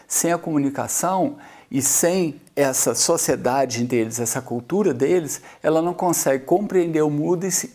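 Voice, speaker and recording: A Brazilian man giving measured, explanatory documentary narration. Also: on the high side, a little mellow. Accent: Brazilian Portuguese.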